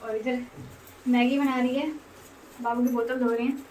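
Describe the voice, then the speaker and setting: A woman's voice: a little high, flat delivery, normal speed, dark tone, slight background noise. A young woman chatting casually in her vlog, teasing and laughing often, recorded on a phone. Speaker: vlogger.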